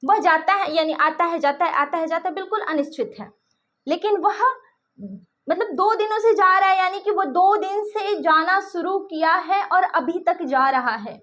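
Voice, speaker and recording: A woman's voice: very high voice, normal speed, fairly bright tone. A woman teacher explains grammar. She repeats each example several times and keeps checking that her students understand. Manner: repetitive, checks understanding often.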